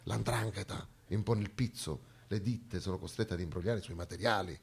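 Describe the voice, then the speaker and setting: A man with a southern Italian accent performs a satirical stage monologue, dramatic, sarcastic and expressive in his storytelling. His voice is low-pitched, gravelly and slightly rough, at a moderate pace.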